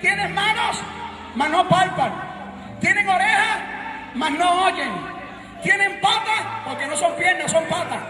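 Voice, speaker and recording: A middle-aged Puerto Rican man with a Puerto Rican accent preaching a sermon, shouting emphatically and joking with the congregation. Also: very high voice, expressive, a little slow. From Puerto Rico. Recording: echoey room with music and crowd.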